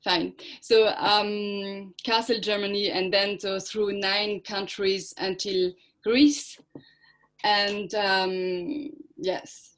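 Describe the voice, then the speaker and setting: A woman artist whose first language is not English, speaking haltingly with many fillers on a video call, partly reading from a prepared text. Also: medium pitch, flat delivery, a bit bright. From Switzerland. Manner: hesitant, many fillers and restarts. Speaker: artist presenting her project. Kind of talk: halting symposium talk, partly read aloud.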